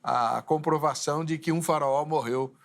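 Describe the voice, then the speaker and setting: A man's voice: fairly high pitch, steady tone, normal speed, creaky, a little hiss or hum. A man hosting a studio interview, telling a story with brief affirming interjections. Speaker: TV show host. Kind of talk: conversational interview.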